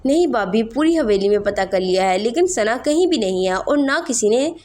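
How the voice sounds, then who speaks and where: A woman's voice: a little high, expressive, darkish tone, lightly acted. Woman doing a worried young man. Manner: hurried report.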